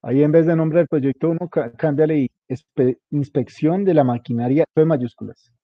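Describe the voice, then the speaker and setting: A man walks a student through a task, casual and hands-on, spelling out every detail. His voice sits a bit high. The sound is dull and lo-fi, close and dry. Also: moderate pace, dry recording. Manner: informal, coaching, spells out details. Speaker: instructor. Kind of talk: guiding a student through a web page setup.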